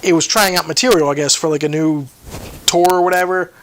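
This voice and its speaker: A man co-hosts a loose podcast chat, rambling through stories with plenty of restarts. His voice sits high. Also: fairly even intonation, a little fast. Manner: chatty, rambling storyteller with many restarts. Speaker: podcast co-host. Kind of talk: casual chat.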